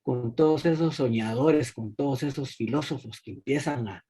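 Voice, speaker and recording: A man's voice: mid-range voice, moderate pace, mellow, slightly rough, soft background music. A man commenting casually over a video call, colloquial and appreciative, speaking from his own experience. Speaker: conference participant. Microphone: video call microphone.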